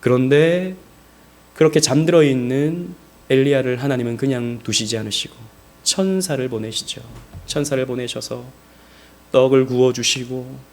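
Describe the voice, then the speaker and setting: A man's voice: mid-range voice, moderate pace. A male pastor preaching a Sunday sermon, telling stories with animation and speaking directly to his congregation. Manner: animated storytelling, acting out quoted speech.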